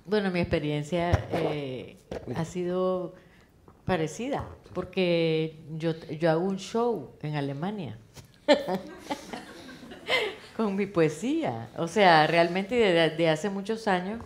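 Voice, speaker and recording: A woman's voice: fairly low pitch, takes it slowly, a little hiss or hum. A woman writer on a book fair panel telling her own experience, a little hesitant. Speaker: poet and novelist, panel guest. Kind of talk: casual panel talk.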